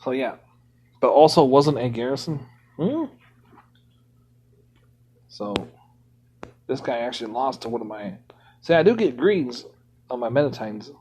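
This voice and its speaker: A man's voice: mid-range voice, very animated, a little slow, pauses often, darkish tone, slightly rough. A man streaming a game from home, ranting indignantly in casual commentary.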